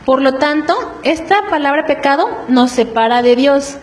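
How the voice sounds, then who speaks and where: A woman preaching to a congregation in an earnest, explanatory way, often checking in with quick rhetorical questions. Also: high voice, poor audio. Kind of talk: church teaching on family.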